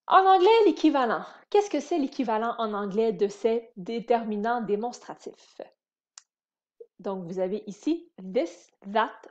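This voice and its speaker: A woman leads a grammar lesson for beginners, repeating and spelling out each word. Her voice sits a little high and she speaks slowly and deliberately. The recording is slightly muffled and lo-fi. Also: darkish tone. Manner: patient, spells and repeats words for learners. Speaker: French teacher. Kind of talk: slow explanatory grammar lesson.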